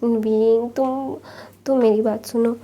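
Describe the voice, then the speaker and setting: A woman's voice: a little high, flat delivery, slow, dark tone, dull audio. A woman voicing a doting young husband who teases and pleads, in a story reading. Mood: pleading. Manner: teasing, then pleading.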